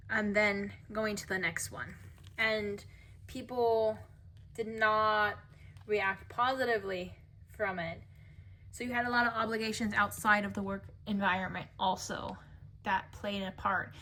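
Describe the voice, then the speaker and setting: A woman's voice: mid-range voice, sharp tone. A woman giving a casual tarot reading to camera, musing and chatty with many fillers. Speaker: tarot reader. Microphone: camera mic.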